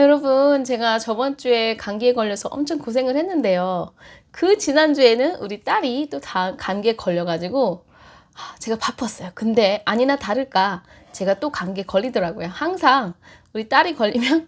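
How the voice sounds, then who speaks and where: A woman teaching English phrases in a casual spoken lesson, chatty and lively, slowing right down for each English phrase. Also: on the high side.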